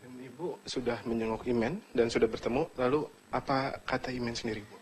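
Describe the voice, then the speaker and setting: A man's voice: mid-range voice, fairly even intonation, a little fast, a little hiss or hum. Man reporting on location, formal. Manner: formal reporter diction, polite questions. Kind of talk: news report and field interview. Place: small home, indoors.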